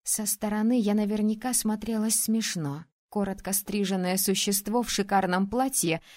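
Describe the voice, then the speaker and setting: Expressive woman reading an audiobook. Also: mid-range voice. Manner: expressive, acting out the heroine's outbursts. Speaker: audiobook reader. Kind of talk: first-person audiobook narration.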